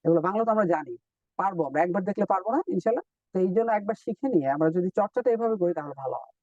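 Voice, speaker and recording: A man teaching English in a live online lesson, explaining step by step and repeating drill words slowly. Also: high voice, animated, a little mellow, no room sound, far from the mic, lo-fi sound.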